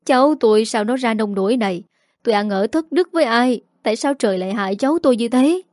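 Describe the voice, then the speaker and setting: A woman's voice: a little high, fast talker, darkish tone, no echo, clean studio sound, natural voice. Woman voicing a wailing, scolding grandmother. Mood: grieving, scolding. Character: grieving, harsh grandmother in her eighties.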